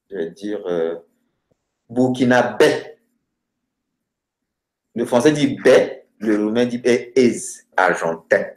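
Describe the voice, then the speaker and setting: A man teaching grammar through lists of words, hesitating often and slowing down for each example. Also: on the low side. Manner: hesitant, many filler sounds, slows down for example words. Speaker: language teacher. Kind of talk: explaining grammar with word lists. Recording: roomy echoey room.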